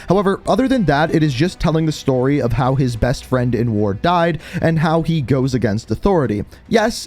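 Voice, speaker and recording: A man's voice: on the high side, mellow. A man narrating a scripted video game review essay, stressing key words emphatically. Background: background music.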